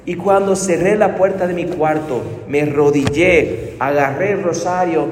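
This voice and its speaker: Earnest high-voiced preacher in an echoey church. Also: male voice, measured pace, slight background noise. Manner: earnest, pleading, shifts between soft and emphatic. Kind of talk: sermon. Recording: echoey hall, heard from a distance.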